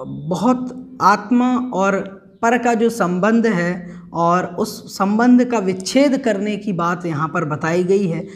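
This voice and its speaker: Slow, high-voiced man teaching scripture. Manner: slow, careful explanation, repeating verse words. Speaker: religious teacher. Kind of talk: scripture class; chanted Sanskrit verse recitation. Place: home, online class recording.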